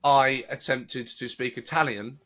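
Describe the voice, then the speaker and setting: A man's voice: mid-range voice, steady tone, a little slow, sharp tone. A man co-hosting a podcast in casual chat, giggly and playful, often stammering. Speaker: podcast co-host.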